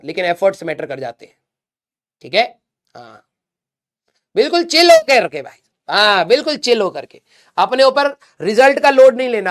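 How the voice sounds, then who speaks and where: A man teaching exam students, giving a motivational talk in a blunt, scolding yet affectionate way, often checking in with "clear?" and "theek hai", mixing in English. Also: high voice, a bit bright.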